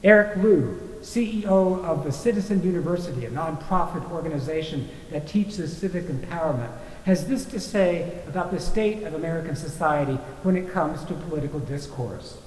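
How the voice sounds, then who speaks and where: Guy giving a sermon, measured and rhetorical, really echoey room w a bit of background noise. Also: a little mellow. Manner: measured, rhetorical delivery with deliberate pauses. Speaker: preacher. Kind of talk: sermon with read-out quotations. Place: large reverberant indoor hall. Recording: echoey hall, faint noise and rumble.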